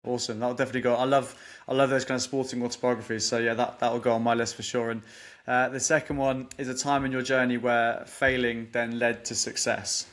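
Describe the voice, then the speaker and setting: A man's voice: mid-range voice, little pitch movement, brisk, a bit bright. A man hosting a podcast interview, earnest and appreciative, often repeating words as he talks. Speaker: podcast host. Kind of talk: interview wrap-up, asking questions.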